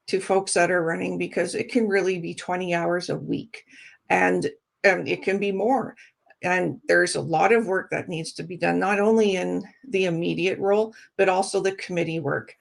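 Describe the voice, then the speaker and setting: Gravelly-voiced Albertan woman candidate. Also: fairly low pitch, normal speed. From Alberta, Canada. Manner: earnest, frequent fillers and restarts. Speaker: political candidate guest. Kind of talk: casual interview.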